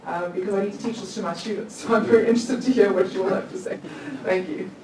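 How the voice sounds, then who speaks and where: Speaking quickly in a darkish, mid-range voice, a law lecturer in her thirties asks the panel a long question from the floor. She's chatty, often restarting and chuckling at herself. The echoey conference hall, distant mic and faint noise come through.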